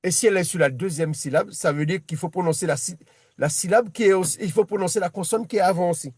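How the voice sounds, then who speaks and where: A man's voice: high voice, quick pace, a little mellow, husky, no room sound, studio quality. A man teaching a one-on-one reading lesson, patient and repetitive, often restarting his sentences. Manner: patient, repeats himself, many restarts.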